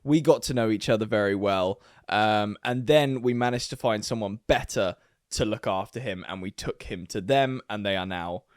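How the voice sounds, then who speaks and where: A young man co-hosting a podcast, telling a story in casual chat, animated and laughing as he talks. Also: lowish voice, normal speed, no room sound, studio quality. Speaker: podcast co-host.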